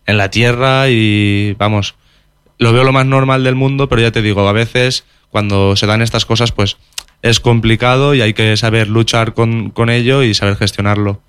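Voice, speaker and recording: A young man whose first language is Valencian, and who speaks with a Valencian accent, answers interview questions about his music. He's thoughtful, often restarting and repeating phrases, in a smooth, clear, slightly bright medium-pitched voice. The recording is close and dry, with no room sound.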